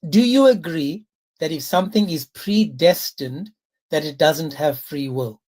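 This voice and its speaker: A man hosting a live religious debate, insistent and quick to interrupt, calling others bro and my man. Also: a little high, darkish tone. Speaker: debate host.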